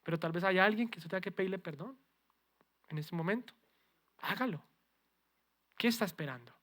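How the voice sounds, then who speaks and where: Male pastor preaching, loud then soft. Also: fairly quick. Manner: peppers talk with rhetorical questions to the congregation; swings between loud emphatic lines and soft low asides. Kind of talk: sermon.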